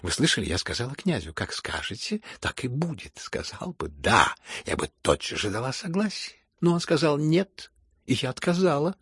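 Storybook heroine, proud young woman, sharp and mocking, read by a man in a husky, dry voice. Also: medium pitch, sing-song, normal speed, no echo, full character voice. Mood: mocking, indignant. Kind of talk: audiobook character voice.

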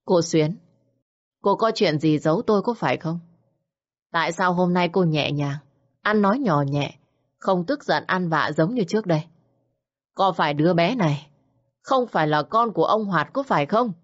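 A woman's voice: fairly low pitch, lively intonation, normal speed, long pauses, muffled recording. A woman voicing a stern, wronged older woman who questions coldly and sharply. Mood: suspicious.

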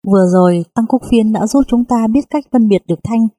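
A woman narrating a nonfiction audiobook in a measured, phrase-by-phrase reading. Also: a little high, warm tone, slight background noise.

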